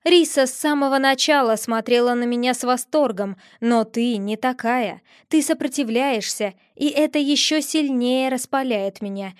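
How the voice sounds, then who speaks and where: A woman's voice: sits high, normal speed, hardly any pauses, clean tone, dry recording, studio quality, natural voice. A woman voicing a pushy young prince. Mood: menacing. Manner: insistent, heated. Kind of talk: audiobook character voice.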